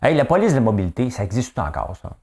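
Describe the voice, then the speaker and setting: A man's voice: mid-range voice, big pitch swings, very fast, a little mellow. A man with a Québécois accent giving casual morning news commentary, chatty and full of asides and tag questions.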